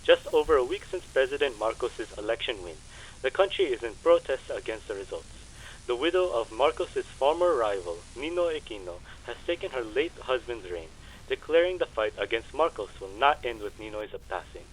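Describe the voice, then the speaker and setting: Man acting a formal, lively radio news reporter. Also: mid-range voice, normal speed, a little hiss or hum, lightly acted, low-quality recording. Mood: solemn, urgent. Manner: formal, declamatory announcing. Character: male 1980s radio news reporter at a mass rally.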